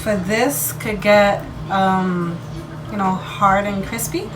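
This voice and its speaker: A woman speaks slowly in a medium-pitched voice as she cooks and chats informally with her viewers for a home video. The recording has clear background noise.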